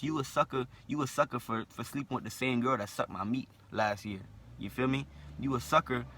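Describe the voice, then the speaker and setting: Bright and forceful in a mid-range register, a young vlogger with a lisp delivers an opinionated monologue to camera. He's blunt and repetitive, and nearly every line closes with a questioning "right?"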